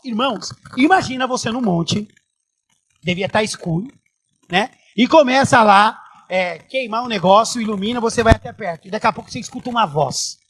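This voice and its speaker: A middle-aged man, a pastor preaching a sermon in a church, animated and conversational with humor. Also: sits high, a little hiss or hum.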